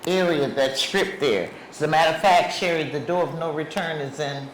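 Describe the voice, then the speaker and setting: Her voice is low and her speed normal as she delivers a guest lecture at a museum, emphasizing points and running through places individually. The talk is public and open to questions; the audio comes from a clip mic beneath a shawl, with room echo and faint noise behind.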